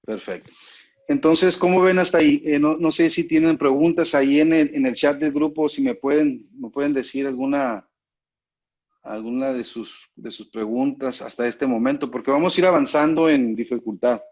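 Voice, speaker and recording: A man's voice: medium pitch, steady tone, moderate pace, a little mellow. A man teaching an online class, explaining step by step and often checking that his students follow. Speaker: instructor. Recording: muffled lo-fi online call audio.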